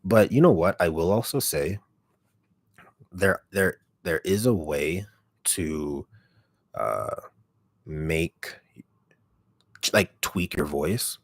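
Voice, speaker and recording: Man, extremely low voice, raspy, relaxed casual livestream chat, close dry mic. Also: takes it slowly, pauses often, dry recording. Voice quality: deep and raspy. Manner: relaxed, rambling, heavy use of "like". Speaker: ASMR content creator on a livestream. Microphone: microphone held very close.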